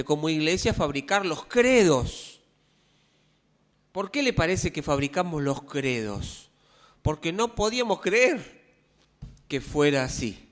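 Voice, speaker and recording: Brief: male pastor, conversational sermon, slow and measured, lots of questions to the pews. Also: on the high side. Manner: conversational, asks the congregation questions. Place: church.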